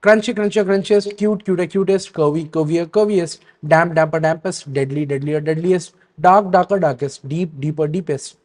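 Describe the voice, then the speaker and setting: Explaining grammar to a class, this teacher's voice sits a little high, and he keeps tossing in a brief "right?" while stopping now and then in hesitation. His word lists come out at an even beat, dropping as each group ends.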